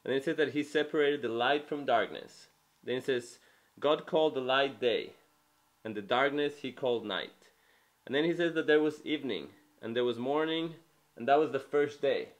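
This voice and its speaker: A man's voice: mid-range voice, normal speed. Earnest young man from Mexico preaching. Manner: earnest, conversational, many "you know" fillers. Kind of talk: testimony sermon.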